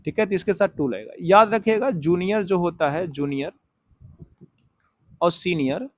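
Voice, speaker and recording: A bright-voiced Hindi-speaking male tutor. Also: high-pitched. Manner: explains step by step, repeats key words slowly, asks and answers his own questions; writes on a board while talking. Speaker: English teacher. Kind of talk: exam-prep grammar lesson.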